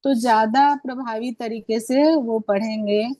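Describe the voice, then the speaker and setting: Patient woman teacher explaining, higher voice. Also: steady tone, measured pace, warm tone, no echo. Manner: patient, explanatory, asks frequent rhetorical questions. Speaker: Hindi teacher training other teachers. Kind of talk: online teacher-training class.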